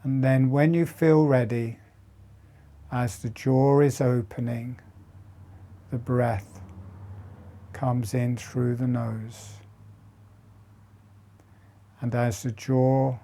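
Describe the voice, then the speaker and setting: A male meditation teacher guides slowly and steadily in a mellow, low-key, even voice. He speaks softly in halting phrases separated by long pauses.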